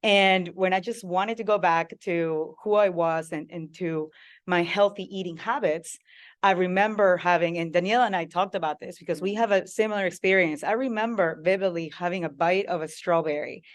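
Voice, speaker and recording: A woman's voice: lowish voice, normal speed. A woman from Peru, a food company founder giving an engaging talk and asking the audience questions.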